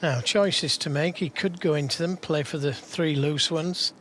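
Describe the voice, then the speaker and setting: A man giving hushed, measured, analytical live snooker commentary as the co-commentator. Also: fairly high pitch, slight background noise.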